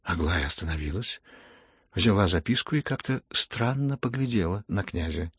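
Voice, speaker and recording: A man reading a classic novel aloud as an audiobook narrator, in measured storytelling. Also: deep voice, expressive, husky, dry recording, clean studio sound.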